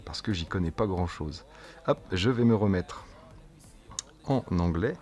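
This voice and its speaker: A man casually demonstrating a gadget as a tech reviewer, chatty and jokey, and speaking his test phrases slowly and clearly. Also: low voice, animated, darkish tone. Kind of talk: casual product demo.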